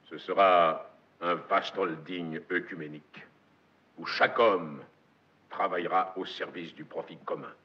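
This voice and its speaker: Playing a domineering corporate magnate with messianic zeal, an actor declaims a film monologue in hammy, theatrical stage style. His male voice is low and gravelly, his pace a little slow, his mood hushed and evangelical, all heard through a dull, echoey soundtrack.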